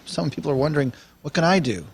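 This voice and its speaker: A man hosting a faith-based radio interview, quick and encouraging, with short affirmations. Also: on the high side, expressive, husky. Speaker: radio show host.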